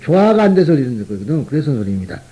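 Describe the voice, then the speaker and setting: A man's voice: medium pitch, sing-song, quick pace, dark tone, slightly rough, rough recording. A Buddhist monk from the region, preaching in a conversational way and often tossing rhetorical questions at his listeners. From Gyeongsang region, Korea. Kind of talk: sermon.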